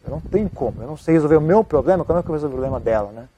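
A man, a monk answering an interview question in a casual, halting way with many restarts. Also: fairly high pitch, expressive, mellow, a little hiss or hum. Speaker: Buddhist monk giving advice.

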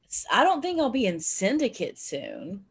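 A woman's voice: mid-range voice, huge pitch swings, normal speed, husky. A woman co-hosting a podcast in casual chat, reacting with curiosity and asking questions. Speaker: podcast co-host.

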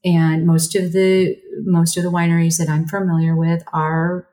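A woman from the United States speaks in a moderately low voice as a podcast host. She moves between introducing the show and relaxed, conversational interviewing. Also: normal speed.

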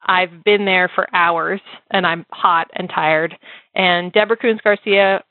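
A woman telling her story as an interview guest, animated and laughing often as she talks. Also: fairly low pitch, measured pace, no echo. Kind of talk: casual storytelling. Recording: dry, phone-like lo-fi line.

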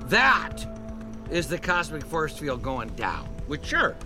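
A cocky, wisecracking male adventurer, slightly high and swooping in pitch. He is excitable, in audio drama style, with music behind. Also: takes it slowly. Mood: glib.

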